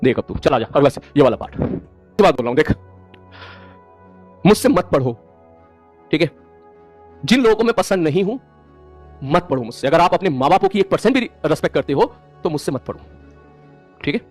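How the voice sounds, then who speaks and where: Fast, high-voiced scolding male teacher. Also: big pitch swings, a little mellow, faint music behind. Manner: scolding, stern, addresses students as beta. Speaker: online teacher. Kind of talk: angry lecture to students.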